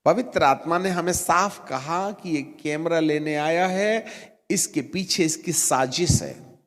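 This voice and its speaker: Middle-aged bishop, story sermon, animated, acts out voices, long hall echo. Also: male voice, fairly high pitch, slow. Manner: animated, acts out voices in his story, rising to emphatic peaks. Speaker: bishop preaching.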